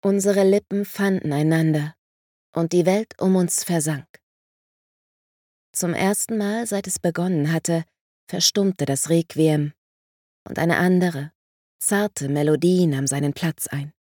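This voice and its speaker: A woman narrating audiobook samples in a measured, expressive reading. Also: lowish voice, dry recording, clean studio sound.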